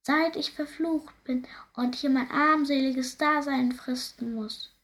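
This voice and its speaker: A woman voicing a sighing, remorseful male ghost of an old squire in a storybook, in a high, plaintive, slow voice. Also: fairly even intonation, fairly bright tone, heavily acted. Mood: mournful.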